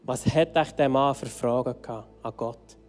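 A man leading worship, telling a story as a sermon and moving between emphatic loud phrases and hushed soft ones. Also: medium pitch, moderate pace.

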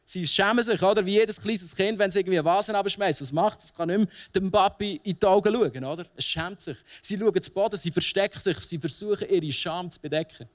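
A man's voice: sits high, brisk, few pauses. A man with a Swiss German accent preaching a sermon in a casual, conversational way, often asking the listener questions. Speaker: pastor.

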